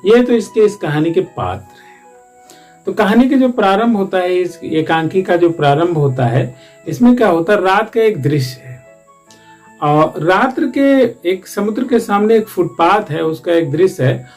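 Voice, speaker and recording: A man with a slightly high voice explains the plot of a school play to students. He talks loosely and rambles, restarting his sentences as he goes. Faint music plays in the background. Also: animated, normal speed, darkish tone. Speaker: teacher.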